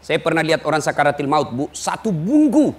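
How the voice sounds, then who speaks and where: A man from Sulawesi with a Makassar Indonesian accent, preaching an animated, joking sermon and acting out little dialogues. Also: a little high, brisk, husky. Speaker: Islamic preacher. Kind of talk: humorous sermon.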